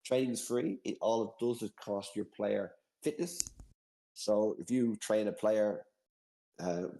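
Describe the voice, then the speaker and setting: In a casual video-call chat, an Irish man rambles while explaining a game, repeating himself and laughing quickly at his errors. He speaks in a lowish, dark voice, and the audio is poor.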